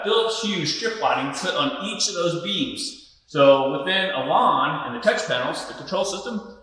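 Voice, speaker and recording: A middle-aged installer gives a casual, folksy walkthrough on a job site inside a large unfinished house with hard floors. His voice is on the high side, bright, with a forceful tone. The empty rooms make it echoey, with long reverb.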